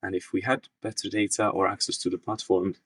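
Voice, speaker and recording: Low, husky young man, distant and dry. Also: flat delivery, fairly quick, a bit bright, no room sound. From Czech Republic. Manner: thoughtful, many restarts and fillers. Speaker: researcher guest. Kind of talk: casual interview answers.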